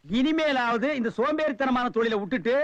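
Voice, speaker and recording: An actor playing a bossy, sharp-tongued man who mocks and scolds others in a film comedy scene. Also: very high voice, a little fast, no echo. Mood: lecturing. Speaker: comic film character. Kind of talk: 1990s film comedy dialogue. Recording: dull old film soundtrack.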